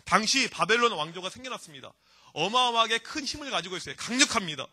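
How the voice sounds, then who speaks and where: A man preaching a sermon to teenagers as their youth pastor, lively and teasing, acting out complaints in quick asides in a church hall. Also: high-pitched, breathy edge.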